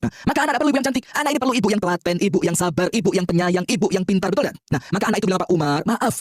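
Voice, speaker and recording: A man preaching a lively, joking sermon, quizzing the audience and having them call back answers. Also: high-pitched, racing, dry recording, studio quality.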